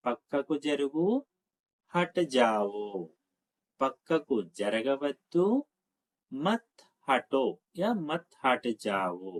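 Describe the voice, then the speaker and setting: A Telugu-speaking man teaching spoken Hindi, saying each phrase slowly and adding quick asides between the drills. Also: medium pitch, poor audio. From Telugu-speaking India. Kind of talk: spoken language lesson, slow drill phrases.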